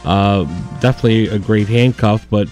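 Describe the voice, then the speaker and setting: A man's voice: on the low side, steady tone, normal speed, a little mellow, soft background music. A man co-hosting a radio sports show, easygoing and agreeable, laughing often. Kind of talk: casual radio sports talk.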